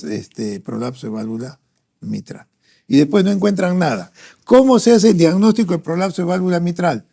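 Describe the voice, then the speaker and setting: A man teaches a pediatric cardiology exam review; he's a doctor with a Peruvian Spanish accent who talks through questions aloud, leaning on "¿no?" and "este." His warm voice is on the high side, with vocal fry.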